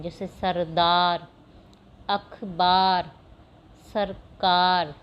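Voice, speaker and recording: A woman talks through a beginner's reading lesson, patiently sounding out each word and stopping to check the class is following. Her voice sits in a middle range, and the recording is a bit dull and lo-fi with faint hiss behind it. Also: medium pitch. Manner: patient, explains step by step and sounds words out slowly. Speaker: primary school teacher. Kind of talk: Hindi phonics lesson over slides.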